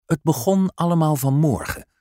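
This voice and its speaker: A man narrating a children's story aloud in a slow, expressive storytelling manner. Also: a little high, dry recording, studio quality.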